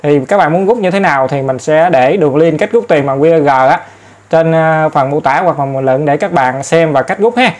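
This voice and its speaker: A man's voice: on the high side, normal speed. A man giving a casual step-by-step phone tutorial, chatty and full of fillers, speaking straight to his viewers. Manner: chatty, repeats filler words, addresses viewers often. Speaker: tutorial host. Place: in front of an ATM for part.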